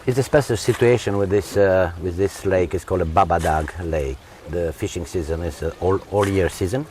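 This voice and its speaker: A man working as a local guide, explaining on a lake outdoors in a halting way, often filling pauses with 'you know'. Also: sits low, a little mellow, a little hiss or hum. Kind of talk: casual explanation on location. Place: outdoors on a lake by fishing boats.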